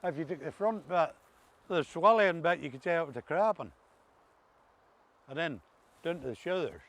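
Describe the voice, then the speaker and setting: A man's voice: a little high, expressive, moderate pace, fairly bright tone, dull audio. A man with an Ulster Scots accent from Northern Ireland, chatting casually as a co-host in a droll, folksy way. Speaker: co-host discussing dialect words. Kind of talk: casual humorous chat.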